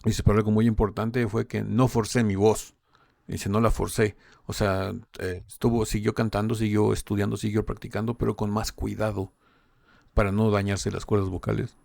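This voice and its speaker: A man's voice: lowish voice, flat delivery, moderate pace, vocal fry, darkish tone, no echo. A man hosting a reaction channel, casually relaying and explaining what is said in a stream, often tagging lines with "¿no?". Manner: relays quotes with frequent "dice" and "¿no?". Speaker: reaction channel host translating a live stream. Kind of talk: casual commentary and translation.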